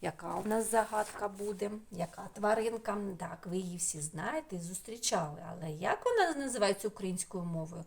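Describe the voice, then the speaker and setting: A woman from Ukraine runs a remote lesson for small children, with the slow, sing-song patience of a preschool teacher. She stretches out single sounds and syllables for the children to copy. Her voice sits at an ordinary middle pitch for a woman. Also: lively intonation, vocal fry.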